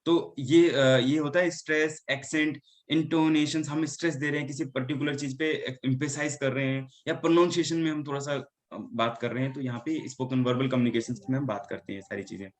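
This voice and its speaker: A man teaching an online lecture from an indoor room switches between Hindi and English, often pausing to ask "ठीक है?" His medium-pitched voice is fairly even in intonation, a bit fast, with few pauses.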